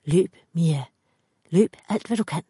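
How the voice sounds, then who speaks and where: A woman voicing a cold, menacing demonic male lover who speaks in low, half-whispered threats. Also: warm tone, slightly rough, dry recording, clean studio sound.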